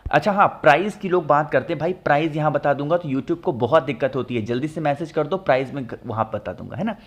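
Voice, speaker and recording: A man's voice: a little high, fast talker. A man explaining home ritual remedies in a chatty instructional talk, often checking in with viewers. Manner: chatty, repeats "ठीक है ना", addresses viewers directly. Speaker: astrology remedies presenter. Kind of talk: instructional talk with product pitch.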